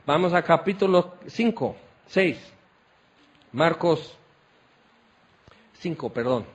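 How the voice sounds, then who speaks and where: A man preaching a sermon, animated and teasing, firing questions at his listeners. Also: on the high side, slow, husky.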